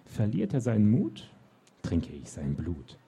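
A man's voice: lowish voice, animated, normal speed, dark tone, slightly rough, full character voice. A hissing spiteful witch, as a man puts her on. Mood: gloating. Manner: hissing, shrieking threats. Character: spiteful cackling old female witch.

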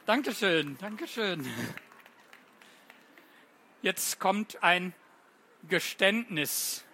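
A playful author reads their own poems aloud to children in a bright, clear voice. The pace is slow and unhurried. They keep tossing questions to the audience and tagging sentences with little checks. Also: medium pitch, lively intonation. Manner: chatty, with many tag questions. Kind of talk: live poetry reading for children.

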